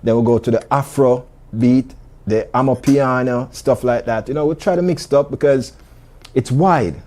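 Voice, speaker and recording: A man hosting an interview show, talking in a relaxed, halting way and often restarting his sentences. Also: mid-range voice. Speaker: host. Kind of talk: casual interview talk.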